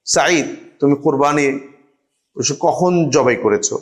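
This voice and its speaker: A man giving a teacher-training lecture, reading Arabic phrases aloud and explaining each one, with pauses and fillers. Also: fairly high pitch.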